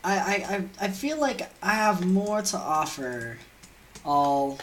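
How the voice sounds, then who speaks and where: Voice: mid-range voice, animated, slow, a bit bright. A young adult game streamer and storyteller with a sniffly cold, rambling casually in a scatterbrained, self-deprecating and informal way. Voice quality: congested.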